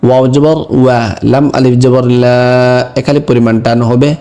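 A man teaching Quran reading in a slow lesson, spelling each word letter by letter and then chanting it. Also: mid-range voice, little pitch movement, warm tone. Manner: spells words letter by letter, then recites them in a drawn-out chant. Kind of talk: slow step-by-step recitation lesson.

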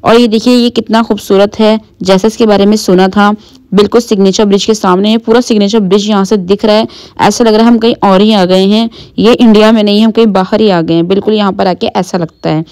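A young woman talks through her outing in a relaxed, chatty voice-over. She describes the places and food in an easy, conversational way, as a vlogger speaking to her viewers. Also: medium pitch, fairly quick. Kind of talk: travel and food vlog voice-over.

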